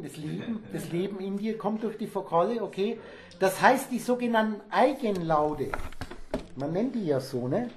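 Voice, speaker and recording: A man's voice: sits high, a little mellow. A man giving a spontaneous, rambling lecture to a small audience, emphatic and digressive. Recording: echoey room.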